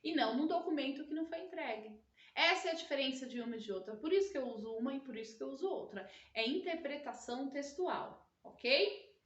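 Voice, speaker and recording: Brief: teacher, a woman with a high voice, patient and explanatory, recorded in an echoey room from a distance. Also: animated, brisk, fairly bright tone, highs cut off. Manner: explanatory, constantly checks in with listeners. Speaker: Portuguese teacher. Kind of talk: recorded grammar lesson.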